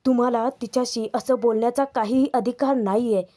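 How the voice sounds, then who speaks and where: A woman's voice: on the high side, steady tone, a little fast, warm tone, close to an everyday voice. A woman voicing a young husband who pleads with his mother and then stands up to her. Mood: pleading.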